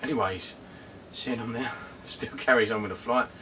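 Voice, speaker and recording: Bright-voiced southern English man, windy outdoor mic. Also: mid-range voice, normal speed, distant mic. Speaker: co-host. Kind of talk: casual vlog chat.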